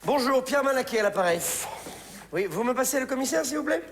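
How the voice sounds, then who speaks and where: A flustered, indignant store manager. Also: male voice, very high-pitched, lively intonation, fast, background noise. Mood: stern. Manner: indignant, stammering, theatrical stage delivery. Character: flustered middle-aged store manager, stiff and easily exasperated. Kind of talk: stage play acting. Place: theater stage. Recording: reverberant theater hall, faint ambience.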